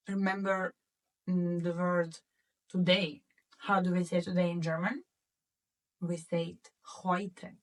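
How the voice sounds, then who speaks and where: Woman, language teacher, unhurried delivery, quizzes the class, repeats each word, distant mic. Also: mid-range voice, darkish tone. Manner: asks the class questions, repeats words twice. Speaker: German teacher. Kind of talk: slow classroom lesson explaining pronunciation.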